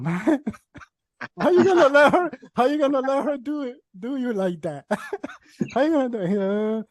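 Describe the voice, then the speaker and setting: Laughing, rambling young man, fairly high voice. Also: warm tone, no room sound. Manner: rambling, laughs often, acts out quotes. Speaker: host. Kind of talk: casual chat.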